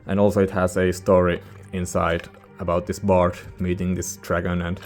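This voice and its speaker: This man's low-pitched voice is completely flat and somewhat dark, moving at a normal pace with soft music in the background. He hosts a music review channel and, speaking English as a second language, rambles informally and hesitantly while looking for words.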